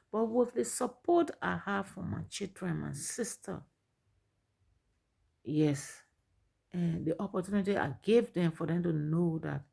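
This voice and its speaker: Earnest Liberian woman with a gravelly voice. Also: lowish voice, darkish tone. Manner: earnest, repeats phrases for emphasis. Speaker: speaker sharing her story. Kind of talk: personal testimony, advice.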